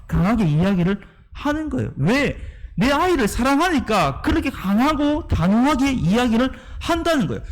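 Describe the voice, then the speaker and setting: Man, pastor, sermon, high voice, very lively pitch, rhetorical questions, tired. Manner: emphatic, rhetorical questions to the congregation. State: tired, worn out from preaching often. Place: church sanctuary.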